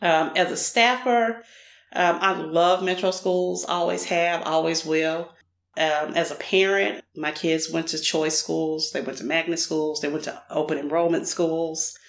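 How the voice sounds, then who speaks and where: This deep, creaky voice belongs to a middle-aged Nashville, Tennessee woman who is a guest on a podcast. She keeps a steady tone and an unhurried pace, giving thoughtful, candid, casual answers full of fillers, all captured with a roomy echo.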